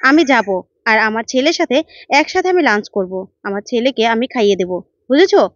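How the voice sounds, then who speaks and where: A woman's voice: fairly high pitch, lively intonation, fairly quick, dry recording, natural voice. A woman voicing a headstrong middle-aged mother who talks insistently and indignantly, in a dull, dry recording.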